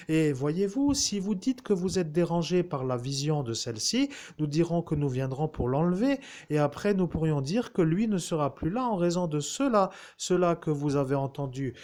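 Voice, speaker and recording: Guy doing a pushy captain w/ a slushy lisp, s comes out sh, higher voice, keeps repeating himself. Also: darkish tone, natural voice. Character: lisping male police captain, insistent, scheming, indecisive.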